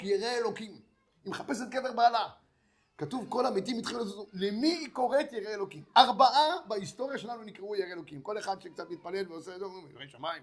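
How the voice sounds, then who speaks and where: A man preaches in a high, bright voice. He tells his lesson as a lively story and slips into the voices of its characters as he goes. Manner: animated storyteller who acts out the dialogue of characters. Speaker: rabbi giving a Torah lesson. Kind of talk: storytelling sermon.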